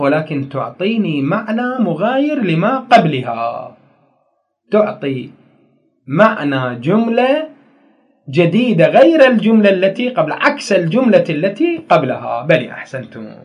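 A man's voice: on the high side, very animated, moderate pace. A man with an Iraqi Arabic accent teaching a grammar lesson, repeating key phrases and putting questions to his students.

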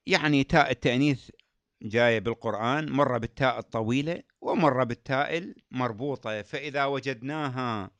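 A man's voice: medium pitch, fairly bright tone. A man teaching a lesson on recitation rules, explaining patiently and repeating key phrases, in a dull lo-fi recording. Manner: chants quoted verses slowly.

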